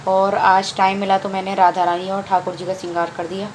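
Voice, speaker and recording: A woman's voice: medium pitch, little pitch movement, a little fast, a little hiss or hum, low-quality recording. Chatty woman vlogging from home. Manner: chatty, talks to camera and to her sick child. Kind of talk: casual home vlog.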